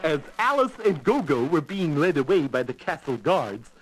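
Friendly gorilla babysitter, animated children's storyteller, folksy and expressive, music underneath. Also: male voice, on the high side, moderate pace, rough recording. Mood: storytelling. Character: friendly pet-shop gorilla babysitter telling a bedtime fairy tale. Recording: music behind the voice.

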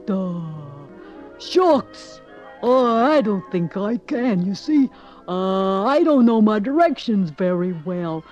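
A woman voicing Simple Simon, a dim-witted boy who talks haltingly with lots of uhs. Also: medium pitch, animated, darkish tone, lo-fi sound, soft background music. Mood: sheepish. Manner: halting, hesitant with many uhs.

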